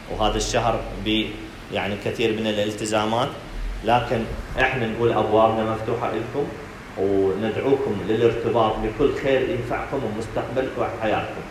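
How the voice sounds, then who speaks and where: Iraqi man, center director, brisk preacherly talk to a crowd, roomy echo. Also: on the low side, fairly even intonation, background noise. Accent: Iraqi Arabic. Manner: preacherly, rhetorical questions, addresses listeners directly. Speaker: director of a family counselling centre. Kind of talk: religious talk to an audience. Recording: echoey room recording.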